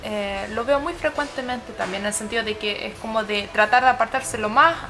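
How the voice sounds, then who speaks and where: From Sweden and Chile, a woman with a Chilean accent and a slightly high voice talks fairly quickly against a noisy background. As an interviewee she reflects on her personal story, often searching for the right words.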